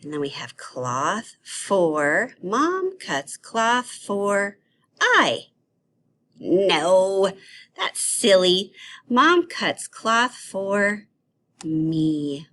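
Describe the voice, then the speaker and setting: A woman teaches young children grammar in a slow, unhurried way. She asks playful questions in a sing-song tone and praises their answers. Her voice sits a little low, with a faint hiss behind it. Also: fairly bright tone.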